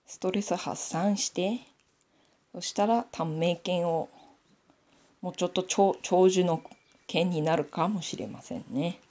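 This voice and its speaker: A low-voiced woman with a gravelly edge and a Nanbu Aomori accent, talking to herself as she knits. Her chat is loose and easy, a running commentary on her own work. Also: unhurried, warm tone. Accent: Nanbu dialect of Aomori. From Aomori, Japan. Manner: chatty, talking to herself while knitting. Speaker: sock knitting YouTuber. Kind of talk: casual knitting tutorial chat.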